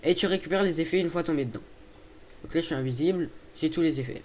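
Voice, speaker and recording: A young man talks through a game in a casual, chatty way, his voice sitting a little high for a man. He hesitates and fills gaps with fillers, and there is a faint hiss of noise under the headset recording. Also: fast. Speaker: video host. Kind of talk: casual gameplay commentary.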